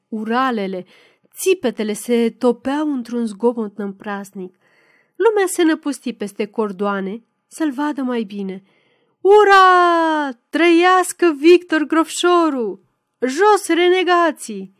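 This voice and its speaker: A woman's voice: on the high side, no echo, clean studio sound. A woman reading a novel aloud as an audiobook narrator, in a dramatic reading style. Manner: dramatic reading, loud in quoted shouts.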